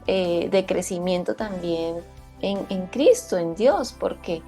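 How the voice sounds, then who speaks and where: A woman interviewer reflecting on faith in a calm, teaching tone, often repeating herself. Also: fairly low pitch, takes it slowly, faint music behind.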